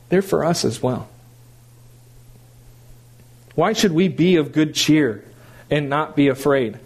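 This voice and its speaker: A middle-aged man preaching a sermon, emphatic and animated, with rhetorical questions and small restarts. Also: on the high side. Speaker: pastor.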